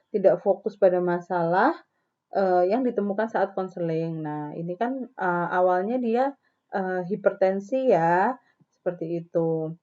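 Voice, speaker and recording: A woman lecturer explains counseling steps in an easygoing, conversational way. She pauses on fillers and slips into little acted-out client exchanges. Her voice sits at a middle pitch and comes through narrow and tinny, like a phone line. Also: warm tone. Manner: conversational, many fillers, acts out client dialogues. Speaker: nutrition lecturer. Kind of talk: recorded university lecture.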